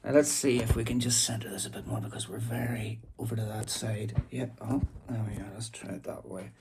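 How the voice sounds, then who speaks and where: A man's voice: fairly low pitch, steady tone, fairly quick, background noise. A man with a Belfast, Northern Irish accent giving casual, rambling commentary as a boxing vlog host, talking into a phone. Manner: rambling, informal. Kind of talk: casual chatty commentary to camera.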